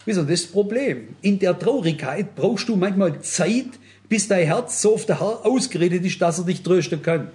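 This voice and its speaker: A man preaches with earnest, direct appeals to his listeners. His voice sits a little higher than most men's. He keeps turning to the congregation as he explains his point. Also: animated, moderate pace, darkish tone. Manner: earnest, addresses listeners directly, frequent "wisst ihr". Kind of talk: sermon.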